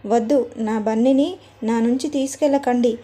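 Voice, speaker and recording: A tender, protective young mother from a storybook tale, voiced by a woman storyteller. She soothes and pleads in a high, mellow tone that stays soft and gentle. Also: fairly even intonation, normal speed, close to an everyday voice.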